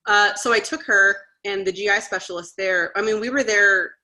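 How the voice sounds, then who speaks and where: Chatty and earnest, this thirtysomething guest parent shares her story in a relaxed interview, performing the conversations she recalls and peppering her talk with "like" and "you know". She has a mid-range voice, pushed and bright, at normal speed.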